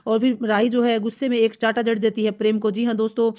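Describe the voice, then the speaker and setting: A woman hurries through a recap of a TV serial episode, one event after another, with fillers. Her voice is mellow and warm and her pitch stays flat. She talks fast. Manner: rapid, run-on retelling with fillers. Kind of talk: fast story recap narration.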